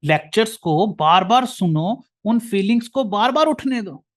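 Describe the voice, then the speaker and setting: High-voiced Indian man lecturing earnestly. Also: lively intonation, unhurried. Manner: earnest, addresses listener as brother. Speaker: motivational speaker. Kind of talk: lecture to listeners.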